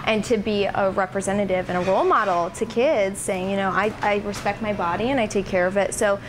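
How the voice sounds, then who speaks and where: Talking a little fast in a mid-range voice, a young adult woman holding a pageant title explains her answers poised and composed during an interview. Noisy room ambience surrounds her.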